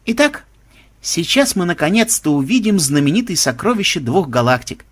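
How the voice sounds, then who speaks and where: A man's voice: high-pitched, big pitch swings, normal speed, voice pushed up. A man voicing a self-assured male programmer in an audiobook, authoritative and musing. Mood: announcing.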